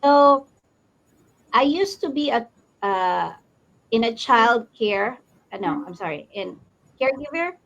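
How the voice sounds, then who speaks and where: A woman from the Philippines introducing herself as a guest in a live chat, lively and correcting herself as she goes. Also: a little high, slow, gravelly, long pauses. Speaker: panel guest. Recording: dull lo-fi call audio.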